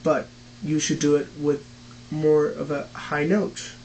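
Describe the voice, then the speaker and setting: A young man who is not a native English speaker, teaching vocal techniques in a casual home tutorial, halting with many fillers and restarts. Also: fairly high pitch, monotone, a little mellow, slight background noise, poor audio.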